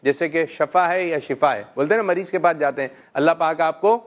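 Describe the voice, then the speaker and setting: A middle-aged man hosting a children's call-in show, gently quizzing kids and praising them often. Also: on the high side. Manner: gentle, coaxing questions, frequent "mashallah".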